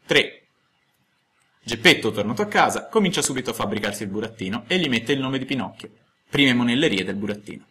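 Audiobook narrator, male, bright tone, very animated intonation. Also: mid-range voice, brisk. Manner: expressive, storytelling cadence. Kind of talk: audiobook reading of a classic tale.

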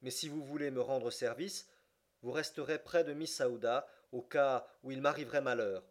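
A man reading a cold, resolute gentleman. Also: medium pitch, lightly acted. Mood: firm. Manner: measured and curt. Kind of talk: audiobook reading.

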